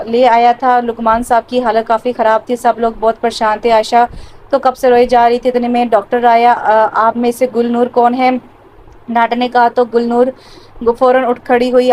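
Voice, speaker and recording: A woman's voice: a little high, a little mellow, rough recording. A woman narrating an audio novel, reading all the parts herself in a plain voice with small hesitations. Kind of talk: scripted narration reading every part.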